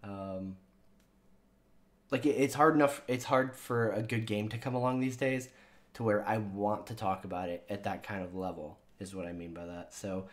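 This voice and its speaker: This channel host talks casually with his viewers, rambling and swearing with plenty of fillers. His pitch is fairly low, his intonation fairly even, his speed normal, and he sounds younger than his actual age.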